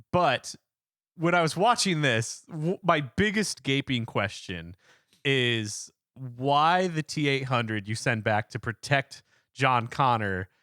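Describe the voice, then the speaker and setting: Podcast co-host, man, bright tense voice, hesitant musing delivery, dry close mic. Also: mid-range voice, no echo. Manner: hesitant, filler-heavy musing. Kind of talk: casual podcast chat.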